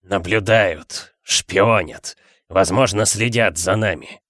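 A man reading an audiobook, voicing a blustering, bullying middle-aged uncle with a gruff, contemptuous manner, in a dry recording. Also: medium pitch, moderate pace, a bit bright, no echo, natural voice. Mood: muttering tense.

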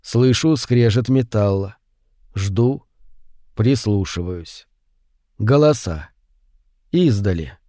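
A man reading a short story aloud, slow and brooding, raising his voice for the quoted lines. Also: on the low side, expressive, no echo, studio quality. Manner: slow, hushed and brooding, with louder acted quotes. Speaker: audiobook narrator. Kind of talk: scripted narration of a short story.

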